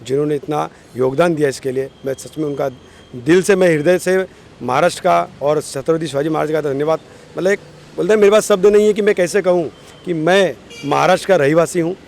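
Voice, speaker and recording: A man from Maharashtra, India, a political party office-bearer, speaks in a slightly high, fairly fast voice with vocal fry and a darkish tone. His interview remarks are earnest and effusive, and he keeps repeating phrases for emphasis.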